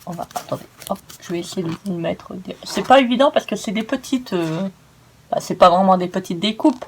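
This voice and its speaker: With a mid-range, expressive voice and a brisk pace, a woman hosts a casual crafting demo, gushing enthusiastically and chattering while often stumbling on her words. There's slight background noise.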